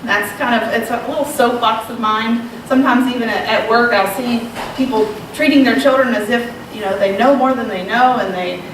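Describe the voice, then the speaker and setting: A woman in her thirties from Southwest Virginia, with a slight Southern accent, gives a casual, self-deprecating talk at a women's retreat, saying "um" often. Her voice is on the high side, with fairly even intonation, a moderate pace and few pauses. The recording is very echoey, distant and noisy, made in a large echoey room.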